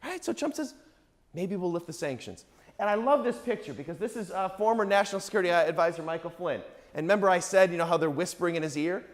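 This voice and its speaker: A man's voice: sits high, fast talker, few pauses. A male political science lecturer giving a public talk in a conversational, sarcastic way, often checking in with the audience. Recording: echoey hall with long reverb.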